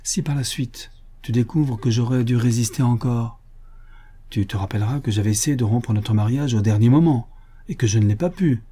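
A man reading aloud voices an anguished young woman who pleads in a trembling, breathy hush. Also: medium pitch, moderate pace, lightly acted. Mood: pleading anguish. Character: anguished young woman bride, fearful and torn.

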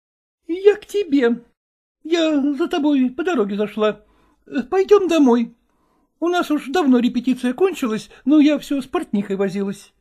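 A man reading a story aloud, voicing a jealous, demanding actress wife who scolds and shouts at her husband. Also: very high-pitched, animated, normal speed. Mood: complaining. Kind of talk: audiobook character voice.

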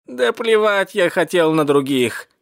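Male reader voicing a surly storybook cat, raised pitch, testy grumbling. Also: animated, moderate pace, a bit bright, dry recording, studio quality, lightly acted. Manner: grumbling, snappish. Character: grumpy rude male alley cat stuck in a sewer.

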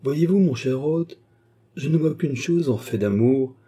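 A man's voice: medium pitch, lively intonation, moderate pace, dark tone, breathy edge. A man voicing a jovial, effusive old nobleman who loves hunting, in a storybook reading. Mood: hearty. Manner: hearty and effusive. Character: jovial old male country nobleman and hunter.

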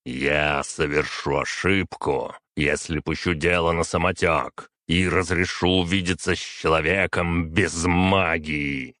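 Man doing a cold old emperor, deep voice, slow and commanding. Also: steady tone, a bit bright, dry recording, studio quality. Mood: stern. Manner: curt, measured, commanding. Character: stern aging emperor, cold and unbending father.

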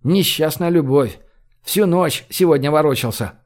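A male narrator voicing a brash, joking man who leads the group and talks in a loud, bossy way. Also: a little high, normal speed, close to an everyday voice.

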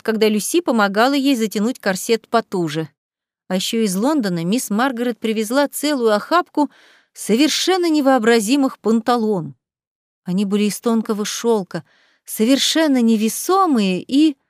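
A woman reading a novel aloud as an audiobook narrator, in a measured storytelling manner. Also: fairly high pitch, no room sound, studio quality. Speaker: audiobook reader. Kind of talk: scripted narration.

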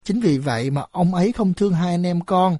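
A woman's voice: on the low side, brisk, mellow, breathy edge, dry recording. A woman voicing a tearful, resolute mother who speaks with a trembling voice in an audiobook. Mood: grieving.

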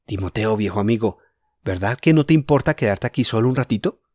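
Hombre haciendo un chico entusiasta y aventurero, voz algo ronca, sonido seco. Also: male voice, on the low side, lively intonation, fairly quick, a little mellow, dry recording, studio quality. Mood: enthusiastic. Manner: enthusiastic. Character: enthusiastic young boy, keen for adventure.

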